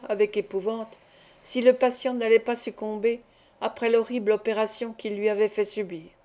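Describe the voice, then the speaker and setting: A woman narrates a classic adventure novel as an audiobook, reading steadily with expression. Her voice is mellow and warm, pitched a little high for a woman. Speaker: audiobook reader.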